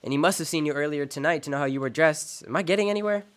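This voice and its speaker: A man's voice: fairly high pitch, very fast, fairly bright tone, smooth, natural voice. Man playing a wry hardboiled private eye. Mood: probing, firm. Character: world-weary, wry male private detective narrating his case. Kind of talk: hardboiled old-time radio drama narration.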